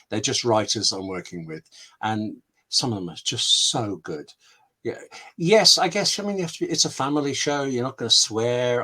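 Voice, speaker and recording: A scriptwriter appearing as a guest on an online webinar answers interview questions in a lowish voice that sounds pushed and bright. He's candid and self-deprecating, speaking in short, emphatic phrases.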